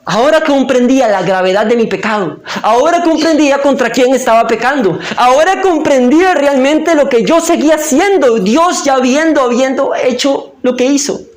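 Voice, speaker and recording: Pastor guy, really high voice, fired-up slow emphatic sermon, roomy church echo. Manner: impassioned, emphatic preaching with slow stressed phrases.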